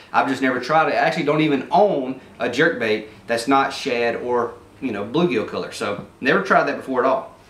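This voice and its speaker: A man's voice: fairly high pitch, a bit bright, roomy sound. A young man, a pro angler, casually chatting to the camera in his living room and reading out viewers' tips in a laid-back, folksy way with lots of fillers. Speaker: pro bass angler and channel host. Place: living room with a Christmas tree.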